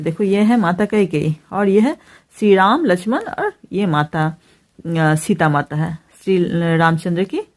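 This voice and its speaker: A woman teacher explaining a Hindi poem line by line, pausing often with fillers. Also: mid-range voice, a little mellow. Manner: hesitant, many fillers, explains each phrase.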